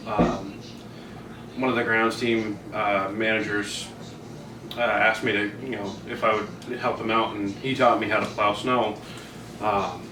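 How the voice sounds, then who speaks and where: A man's voice: on the low side, noisy background. Interview guest, male, Vermont accent, casual and self-deprecating rambler, distant mic in an echoey room. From Vermont, US Northeast.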